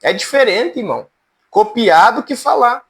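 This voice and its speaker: High-voiced man teaching a church class. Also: sing-song, normal speed, gravelly, a bit bright. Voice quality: high, cracked voice. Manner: folksy and humorous, addressing students by name. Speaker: Bible teacher. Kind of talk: informal church class lecture.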